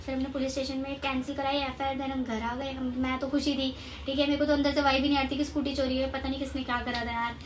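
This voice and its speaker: High-voiced young woman vlogger, chatty. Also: flat delivery, fast, few pauses, slight background noise. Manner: chatty, repeats "theek hai", mixes English words. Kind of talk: casual storytelling to camera.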